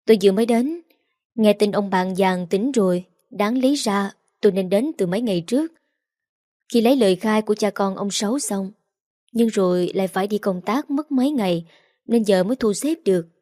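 A woman's voice: medium pitch, moderate pace, dark tone, dry recording, studio quality, lightly acted. A woman reading the part of a resolute older man who speaks bluntly.

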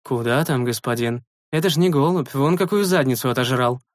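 A man's voice: mid-range voice, a little fast, no echo, studio quality, lightly acted. A man doing a folksy rustic hunter. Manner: folksy, blunt. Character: plain-spoken rustic male hunter.

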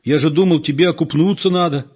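A man's voice: on the high side, quick pace, a little mellow, breathy edge, voice pushed up. A man voicing a clumsy, apologetic man who rambles, pleads and keeps justifying himself. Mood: flustered. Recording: dull lo-fi audiobook recording.

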